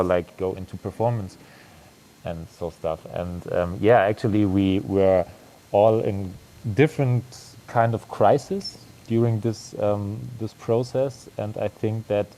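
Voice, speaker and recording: A man's voice: fairly low pitch, dark tone, slight background noise, low-quality recording. A young man in his twenties, an actor, answering casually on a video call, rambling with many fillers. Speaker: performer. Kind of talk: casual conversation.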